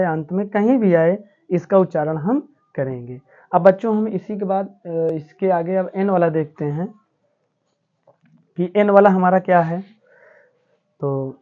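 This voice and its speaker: A woman teacher explaining English spelling rules to students in a patient, repetitive classroom manner. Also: medium pitch. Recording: tinny phone-like audio.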